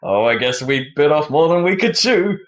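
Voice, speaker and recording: A brash male soldier from a shooter game barks out his lines in a high, ear-piercing shout, as a man mimics him. The voice jumps far up into a shrill squeal on every cheer. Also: lively intonation, normal speed, natural voice. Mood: glum.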